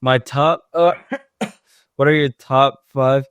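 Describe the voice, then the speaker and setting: Flat, smooth-voiced young male co-host. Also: mid-range voice, takes it slowly, no echo. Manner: hesitant, with many fillers and restarts. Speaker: podcast co-host. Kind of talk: casual chat.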